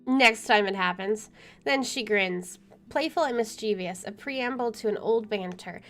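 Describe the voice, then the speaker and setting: With a mid-range, unhurried voice, a woman streams a game, reading the visual novel's narration aloud and tossing in casual asides. Soft music plays in the background.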